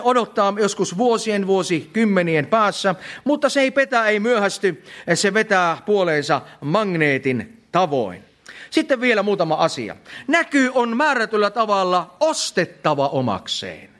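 A man's voice: high-pitched, fairly bright tone. A middle-aged man preaching a sermon in church, emphatic, repeating phrases and calling the congregation friends.

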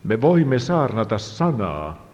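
A man's voice: mid-range voice, very animated, a little mellow. A man interpreting a sermon phrase by phrase, sometimes restarting a word. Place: church hall. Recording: dull sound in reverberant hall.

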